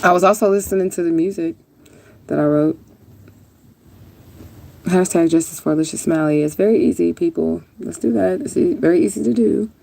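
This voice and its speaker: A woman with a fairly low, gravelly, warm voice talks a little fast and leaves long pauses. She's chatting casually on a livestream, answering viewer comments in a rambling, laid-back way that's sometimes profane.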